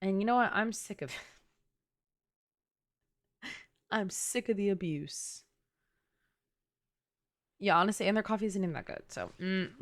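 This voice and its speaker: A young woman talks a little slowly at medium pitch, leaving long pauses, as she casually streams a game. She rambles through chatty asides against clear background noise.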